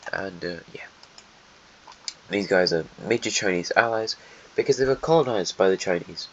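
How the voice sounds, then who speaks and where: The narrator of this map simulation is a man whose lowish, fairly bright voice sounds stuffy and snotty. His commentary rambles, full of sarcastic asides directed at countries, captured by a dull lo-fi mic with faint hiss.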